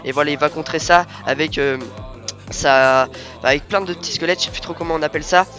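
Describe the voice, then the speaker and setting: A man's voice: on the high side, a little fast, pushed and bright, soft background music. A man casually commenting over a video game as the host, often repeating himself and leaning on verbal tags.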